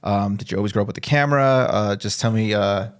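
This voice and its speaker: A man's voice: on the low side, quick pace, clear, resonant tone. A man hosting a podcast, easygoing, asking questions and giving short affirmations in casual chat. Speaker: podcast host.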